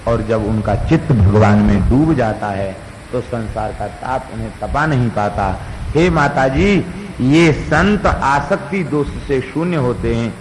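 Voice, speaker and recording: A male preacher telling a devotional story at an unhurried pace, breaking into chanted verses. His voice carries a long reverb from a large hall, with a faint ambient hum behind it. His pitch sits in the middle range for a man. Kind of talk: devotional katha sermon.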